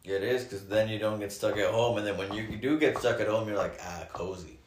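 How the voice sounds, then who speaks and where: A man's voice: lowish voice, fast talker. A young man on a podcast, making crude jokes in a casual chat. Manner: crude joking, deadpan asides. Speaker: podcast co-host. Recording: roomy echo, faint noise.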